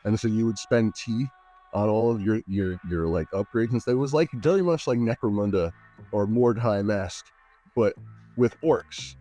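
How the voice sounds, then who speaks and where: A man's voice: lowish voice, moderate pace, dark tone, faint music behind. A man chatting as a podcast guest, eager and full of restarts and filler words. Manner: enthusiastic, many "like" fillers and restarts. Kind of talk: casual chat.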